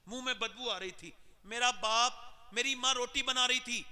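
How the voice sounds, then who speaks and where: A man preaching an emotional sermon, his voice swinging sharply from loud cries to low, hushed passages. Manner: impassioned, sweeping swings in pitch and loudness. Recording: long reverb of a large hall.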